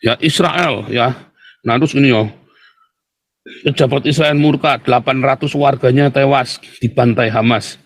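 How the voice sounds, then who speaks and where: A man's voice: medium pitch, steady tone, a little slow. A man giving sarcastic casual commentary while reading out news headlines, often laughing and talking straight to his listeners. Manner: mocking, sarcastic, keeps addressing listeners as "saudara", laughs often. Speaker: political commentator.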